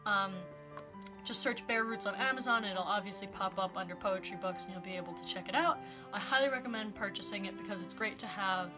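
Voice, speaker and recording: A young woman hosting a poetry reading video, chatting casually with many fillers and reading poems in a slower, measured way. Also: medium pitch, music in the background.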